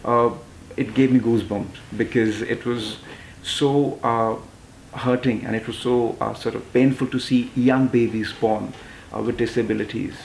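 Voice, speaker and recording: A man's voice: medium pitch, steady tone, measured pace, creaky, darkish tone, echoey room, a little hiss or hum, low-quality recording. A man in his twenties from London, a pageant titleholder and model, answering interview questions hesitantly with many fillers and restarts. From London, England. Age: 20s.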